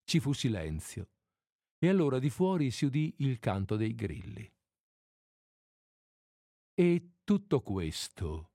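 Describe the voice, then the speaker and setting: Expressive Italian-language story reader, man. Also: mid-range voice, moderate pace, no room sound, clean studio sound. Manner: expressive, dramatic narration. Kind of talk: literary reading aloud.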